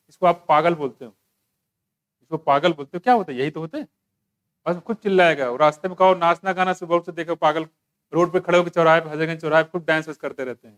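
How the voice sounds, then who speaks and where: A man's voice: a little high, fairly bright tone, smooth. A male biology teacher giving an exam-prep lecture in a conversational way, asking rhetorical questions and mixing in English terms.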